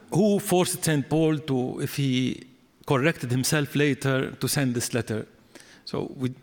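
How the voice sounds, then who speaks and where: A man lecturing slowly and deliberately, his voice sitting a little high for a man. He explains step by step, pausing on fillers and restarting phrases. The sound carries a long hall reverb. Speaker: biblical studies lecturer. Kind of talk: academic lecture.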